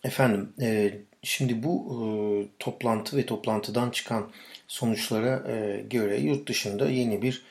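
A man from Turkey with a slightly hoarse voice, giving informal solo political commentary as a podcast host and haltingly searching for his words. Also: medium pitch, steady tone.

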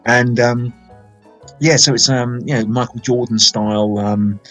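A man's voice: medium pitch, fairly even intonation, a little slow, fairly bright tone, soft background music, low-quality recording. A man, hosting a casual film podcast and talking in a rambling, chatty way full of fillers. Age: 40s. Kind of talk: casual film chat, live-streamed.

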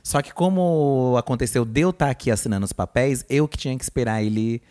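Um homem com sotaque brasileiro, co-apresentador de podcast, num papo casual no hospital, sempre concordando e apoiando o parceiro. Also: male voice, medium pitch, quick pace, a little mellow. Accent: Brazilian Portuguese. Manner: supportive, conversational, frequent agreeing "sim". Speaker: podcast co-host.

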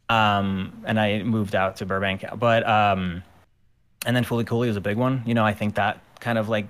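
In a casual interview on a podcast, a Ukrainian man, an animator and musician, rambles about his art career with lots of fillers and restarts. His voice sits fairly low but sounds fairly bright, clear and resonant.

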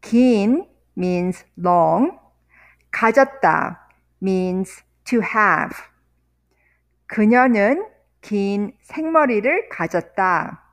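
A woman teaching vocabulary, saying each word slowly and deliberately, repeating words and sentences one piece at a time. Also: medium pitch, expressive. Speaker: language teacher. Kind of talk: vocabulary lesson with repetition.

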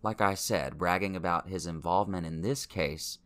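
A man narrating a podcast in a measured, explanatory way. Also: sits low, fairly bright tone, smooth. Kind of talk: scripted narration.

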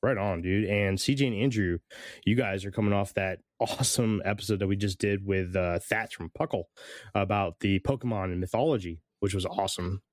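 A man's voice: fairly low pitch, fairly quick, no echo, clean studio sound. A man hosting a podcast in a laid-back, informal way. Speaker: podcast host. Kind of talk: casual podcast banter with scripted intro narration.

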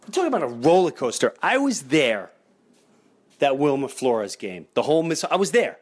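A man's voice: a little high, big pitch swings, moderate pace. A middle-aged man hosting a baseball fan show, telling stories in a casual, informal way with emphatic repetition and acted-out quotes. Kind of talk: casual chatty storytelling to the audience.

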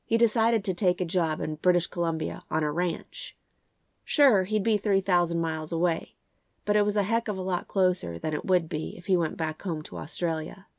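Croaky, stuffed-up woman narrating true crime. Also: lowish voice, fairly even intonation, moderate pace, a little mellow, no echo, studio quality. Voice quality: croaky, congested. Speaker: podcast host and narrator.

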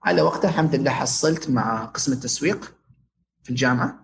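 Fast-talking Omani man mixing in English. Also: medium pitch, gravelly, a bit bright, a little hiss or hum. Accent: Omani Arabic. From Oman. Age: young adult. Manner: mixes English words into Arabic. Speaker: interview guest. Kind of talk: casual personal storytelling.

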